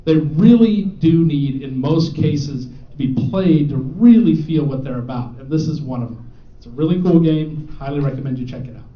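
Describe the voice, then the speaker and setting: Before a live audience in an event hall, a man presents student game awards, joking and teasing as he reads out the winners. His voice is a little high and his pace moderate. The recording is echoey and dull, typical of a hall.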